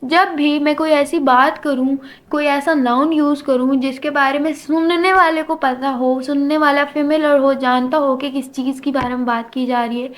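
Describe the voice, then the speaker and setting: A woman's voice: high voice, steady tone, normal speed, few pauses. A woman teaching a grammar lecture, explaining step by step and mixing English terms into her talk. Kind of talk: classroom lecture.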